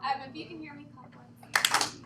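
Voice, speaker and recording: A woman's voice: sits high, fairly even intonation, normal speed. A woman teacher reading a book aloud to her class, with dramatic, exaggerated protests between instructions. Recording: echoey classroom from far off, noisy.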